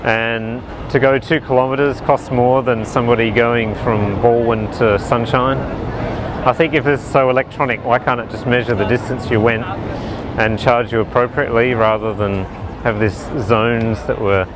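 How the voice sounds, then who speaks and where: A man's voice: mid-range voice, fairly even intonation, normal speed, noisy background. A man chatting casually as a member of the public in a vox pop.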